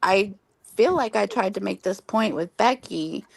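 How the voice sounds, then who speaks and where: A woman's voice: mid-range voice, animated, unhurried, vocal fry. A woman from Oklahoma hosting a casual late-night livestream chat, telling long earnest stories with many ums while losing her voice from smoky air. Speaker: livestream host.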